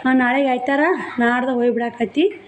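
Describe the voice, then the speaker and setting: A woman's voice: high voice, level tone, fairly quick. North Karnataka woman, plain heartfelt talk. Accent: North Karnataka Kannada. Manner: plain, heartfelt, addresses viewers as friends. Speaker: vlogger. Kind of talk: casual talk to viewers. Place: home. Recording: echoey room, faint noise.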